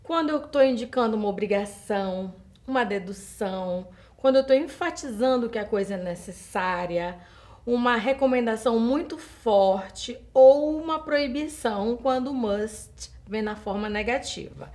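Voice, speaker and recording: A woman's voice: fairly high pitch, darkish tone. Brazilian woman teaching over slides. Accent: Brazilian Portuguese. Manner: slows right down to spell out example sentences; addresses the student directly with checking questions. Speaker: English teacher. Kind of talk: recorded video lesson over slides.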